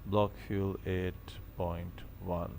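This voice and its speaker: A man's voice: sits low, level tone, very slow, vocal fry, a little mellow, a little hiss or hum. A man streaming a flight simulator, casually talking himself through each step as he goes. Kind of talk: casual live commentary on own gameplay.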